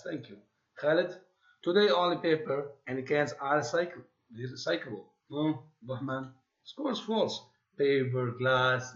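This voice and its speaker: A man teaching an English class, reading the text aloud and modeling question intonation for his students. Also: medium pitch. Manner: switches between English and quick Arabic explanations, models intonation. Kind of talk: classroom lesson. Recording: roomy, dull lo-fi classroom audio.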